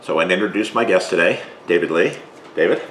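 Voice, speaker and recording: A man hosting an interview, asking long questions in a relaxed way with plenty of fillers. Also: low-pitched, fairly quick. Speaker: host. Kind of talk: casual interview. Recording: echoey room with faint noise.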